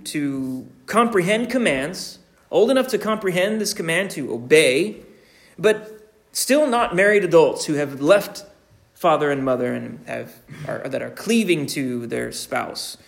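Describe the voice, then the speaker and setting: A man preaching a sermon slowly and deliberately, often restarting his phrases. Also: on the high side, creaky. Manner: slow, deliberate, with frequent restarts.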